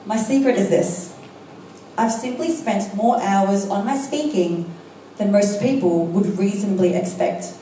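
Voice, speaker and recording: A woman with a mid-range voice, a speaking coach from Australia whose first language is Vietnamese, gives a humorous stage talk to a live audience. She delivers punchy jokes with deliberate pauses. The recording has an echoey room, a distant mic, and background noise.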